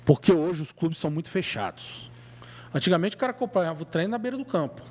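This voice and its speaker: A man's voice: a little high, animated, fast talker. A man with a Brazilian Portuguese accent co-hosting a podcast, chatting about football in a casual, emphatic, colloquial way. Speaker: podcast co-host. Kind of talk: casual sports chat.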